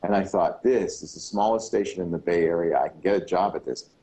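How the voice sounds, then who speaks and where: Deep-voiced man telling old radio stories. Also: brisk, rough recording. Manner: relaxed storyteller, slips into deep announcer voice. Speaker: radio broadcaster. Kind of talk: casual chat.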